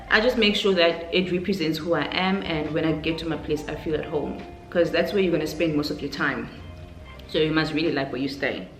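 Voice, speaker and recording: In this informal Q&A vlog, a South African woman of twenty-nine, a YouTuber, talks things through out loud. Her voice is fairly low in pitch and a bit bright. There's a roomy echo and some faint background music.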